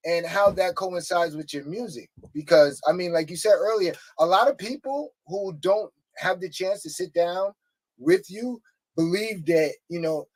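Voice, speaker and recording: A man's voice: high-pitched, moderate pace, darkish tone. A man co-hosting a casual interview, asking long rambling questions full of fillers. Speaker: co-host.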